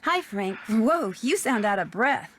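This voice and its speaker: A polite, curious young woman detective from a mystery video game, asking questions in a friendly, slightly high voice. She sounds plain and everyday. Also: animated, measured pace, a bit bright. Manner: friendly, inquisitive. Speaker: game protagonist.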